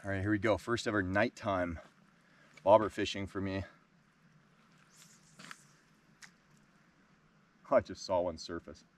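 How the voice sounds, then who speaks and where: Deep-voiced man vlogging outdoors at night. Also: takes it slowly, long pauses, distant mic. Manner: excitable, talks to the camera. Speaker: fishing vlogger. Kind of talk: casual solo outdoor vlog. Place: dark forest lakeshore at night, outdoors.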